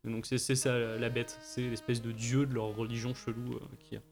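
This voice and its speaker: A man co-hosting a casual film podcast, explaining plot points in a steady, measured way. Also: medium pitch, faint music behind. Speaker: podcast co-host.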